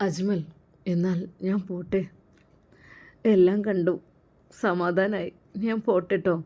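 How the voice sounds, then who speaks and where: A woman voicing a heartbroken young man who speaks softly and gives in quietly. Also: lowish voice, little pitch movement, slow pace. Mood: resigned.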